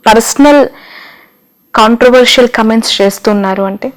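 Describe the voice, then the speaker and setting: High-voiced woman pressing interview questions. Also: normal speed, low-quality recording. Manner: presses questions, short acknowledgements.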